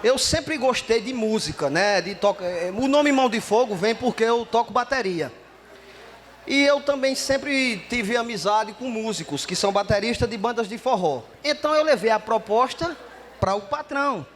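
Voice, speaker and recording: A man telling a story in stand-up comedy, lively and acting out the dialogue. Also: very high voice, normal speed, slight background noise.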